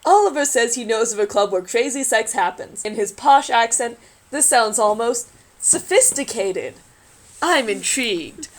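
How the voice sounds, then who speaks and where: A woman's voice: a little high, animated, a little slow, low-quality recording. A woman reading a magazine story aloud in a casual group chat, adding wry, sarcastic asides.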